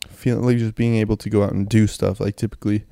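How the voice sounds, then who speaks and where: A young man with a phlegmy, sick throat rambles in a low-key way as he hosts a casual solo podcast into a close handheld mic. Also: flat delivery, quick pace, creaky, mellow, no room sound. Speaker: podcast host. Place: in bed, indoors. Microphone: handheld mic and audio recorder, close.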